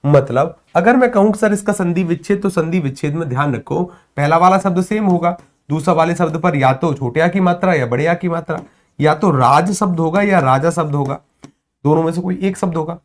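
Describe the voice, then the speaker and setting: A male teacher explains grammar to camera from a board, and his voice sits a little on the high side. He keeps a playful, teasing manner and often stops to check that his students are following. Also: fairly quick. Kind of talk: online grammar lesson to camera.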